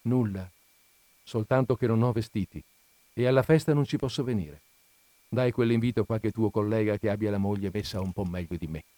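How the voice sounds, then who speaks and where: A man's voice: mid-range voice, animated, moderate pace, mellow, no room sound, natural voice. A man voicing a young wife who is anxious, hesitant and longing for luxury, in a read-aloud story. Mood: plaintive.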